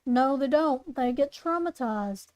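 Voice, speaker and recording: A woman's voice: sits high, animated, measured pace, darkish tone, no room sound. A woman doing a pleading young monster. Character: young monster creature, anxious conscience.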